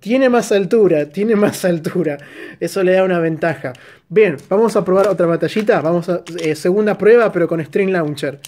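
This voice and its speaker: An Argentine man with an Argentine Spanish accent, narrating a toy unboxing and review with excitable bursts of exclamation. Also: sits high, normal speed.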